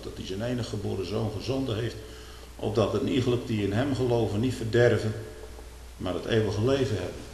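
A man preaching a sermon, swinging from hushed, low passages to loud, drawn-out declaiming and pleading questions. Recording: echoey hall with faint hiss.

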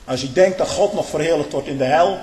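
Man, preacher, fiery and emphatic, slightly high voice, echoey room. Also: brisk. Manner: fiery and emphatic, swings from loud outbursts to low muttering. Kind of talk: impassioned sermon-style monologue. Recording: echoey hall with long reverb.

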